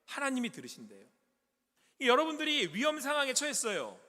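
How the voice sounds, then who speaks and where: Brief: male pastor, animated sermon, bright and forceful, long reverb of a church hall. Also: extremely high pitch, brisk. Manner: animated preaching that swings from loud calls to soft whispers; asks the congregation questions. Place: church sanctuary.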